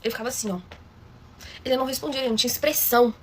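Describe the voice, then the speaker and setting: A woman's voice: fairly high pitch, steady tone, very fast, a little hiss or hum. A woman telling a story in a chatty, dramatic way, often calling out to her listeners. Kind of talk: casual storytime.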